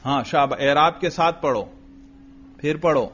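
Male teacher, grammar drill, slightly high voice, muffled lo-fi sound. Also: a bit bright, slightly rough. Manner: quizzing, repeats answers, brisk praise. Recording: muffled lo-fi recording.

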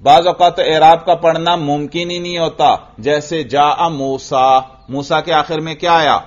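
A man teaching an Arabic grammar lesson, asking his students questions, answering them himself, and drawing out the example words slowly. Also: a little high, steady tone. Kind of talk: classroom lesson. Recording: dull lo-fi recording.

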